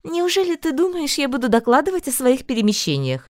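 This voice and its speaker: A woman voicing a grumpy, sly aristocratic mother who talks high, shrill and sharp-tongued. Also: huge pitch swings, a little fast, no room sound, studio quality. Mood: scolding.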